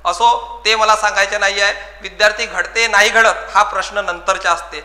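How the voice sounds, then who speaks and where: High-pitched, sharp-voiced teacher in an echoey room. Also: male voice, steady tone, moderate pace. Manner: earnest, repetitive, addresses students as friends. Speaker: coaching class teacher. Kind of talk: motivational talk to exam students. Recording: echoey room with long reverb.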